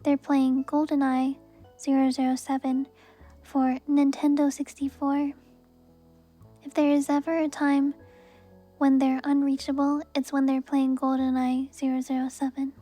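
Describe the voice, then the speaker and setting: A young woman reading a book aloud in a soft, even ASMR reading voice. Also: sits high, measured pace, soft background music. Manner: soft, even reading voice with brief laughs at the text.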